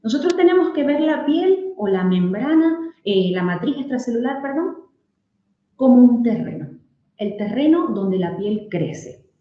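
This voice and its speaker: A Venezuelan aesthetic medicine doctor gives a webinar clinical lecture to colleagues, explaining things step by step and working through patient cases. Her voice is slightly high and very animated, and her pace is a little slow. The recording is reverberant and lo-fi.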